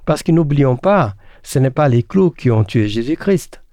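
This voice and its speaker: A man's voice: mid-range voice, expressive, mellow, dry recording, clean studio sound. Earnest man teaching the Bible. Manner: earnest, asks rhetorical questions; halting, with frequent fillers and restarts.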